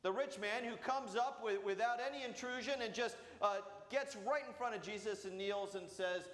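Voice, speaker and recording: Booming priest with a high voice. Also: male voice, moderate pace, fairly bright tone. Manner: acts out voices in quoted dialogue. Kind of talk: storytelling sermon. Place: church sanctuary. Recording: roomy church reverb.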